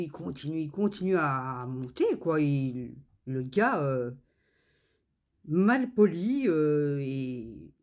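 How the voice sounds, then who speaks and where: Brief: chatty woman, crafts vlogger, animated storytelling, pitch roams widely. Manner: animated storytelling, many fillers and reported speech. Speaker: crafts channel host. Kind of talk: casual chat while crafting.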